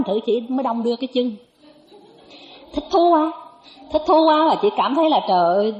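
A woman, a Buddhist nun, giving a dharma talk to an audience. She tells a personal story with lively, animated delivery and acts out the dialogue. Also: on the high side. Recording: echoey, dull lo-fi recording.

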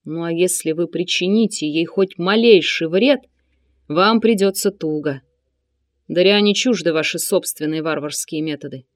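A woman's voice: fairly low pitch, normal speed, no room sound, close to an everyday voice. A woman reading a defiant captive nobleman. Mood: cool. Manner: calm, cutting, defiant. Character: defiant captive male nobleman, bold and cool. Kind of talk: audiobook character reading.

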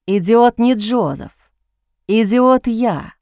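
A woman voicing a cold, cynical aristocratic man in an audiobook, speaking low in a husky, mocking whisper. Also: takes it slowly, darkish tone, no echo, clean studio sound. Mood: self-reproach.

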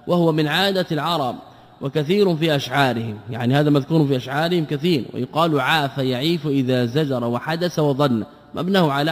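A man teaching a classical Islamic text, explaining each term and often asking rhetorical questions that he answers himself. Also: fairly high pitch. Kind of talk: classical Arabic lecture. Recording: long hall reverb.

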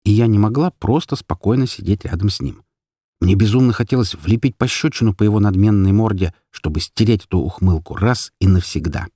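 Guy reading an audiobook, low husky voice, lively swings, dry close sound. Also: no room sound. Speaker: audiobook narrator. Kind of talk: dramatic audiobook narration.

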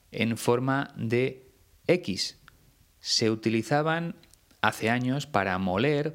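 A man from Spain teaching Spanish, explaining words slowly and carefully and spelling them out letter by letter. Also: mid-range voice. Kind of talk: slow explanatory lesson.

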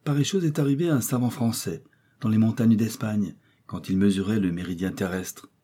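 A man's voice: on the low side, fairly quick, dark tone, husky. A man voicing a determined male explorer doctor, giving firm, assured commands in an audiobook.

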